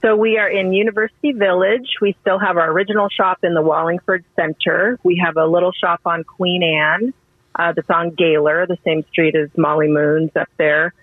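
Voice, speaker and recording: A woman's voice: fairly low pitch, level tone, moderate pace, dry recording. A woman being interviewed as a bakery owner on the radio, chatty and informative. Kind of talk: casual interview. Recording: band-limited phone-like radio line.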